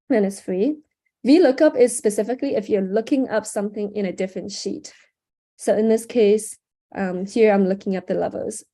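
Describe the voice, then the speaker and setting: Over a headset, a young instructor walks a live video-call workshop through a screen-share tutorial in a relaxed, chatty style full of "um"s and "like"s. Her mid-range voice leans mellow and dark, and she clears her throat often because it's sore.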